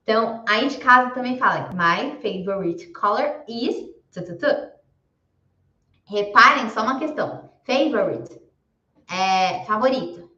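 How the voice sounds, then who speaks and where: Woman teaching slowly, bright voice, echoey room. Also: fairly high pitch, expressive, muffled recording. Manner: slow, patient drilling with repetition. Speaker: English teacher. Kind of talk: live online class, teaching beginners.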